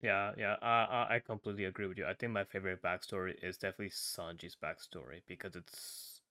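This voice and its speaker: A man in casual podcast chat, retelling a story in a relaxed way full of fillers and tag questions. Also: deep voice, quick pace. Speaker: podcast co-host.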